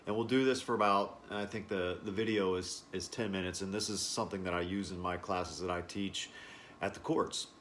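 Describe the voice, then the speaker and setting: A man teaching a wellness class informally, explaining in short phrases with halting pauses. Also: low voice, fairly even intonation, fairly bright tone, slight background noise. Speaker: breathing and stress-relief class instructor.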